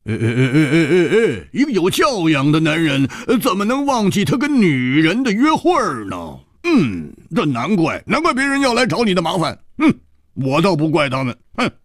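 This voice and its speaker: A man's voice: a little high, huge pitch swings, normal speed, no echo, studio quality, voice pushed up. A man voicing a boisterous, teasing young swordsman who banters and mock-scolds in a raised voice.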